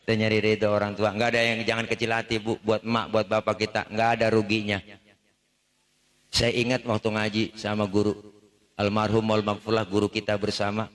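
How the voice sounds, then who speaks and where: A man with a Betawi accent giving a humorous sermon at a religious family gathering, telling lively stories and acting out scenes. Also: lowish voice. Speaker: Islamic preacher.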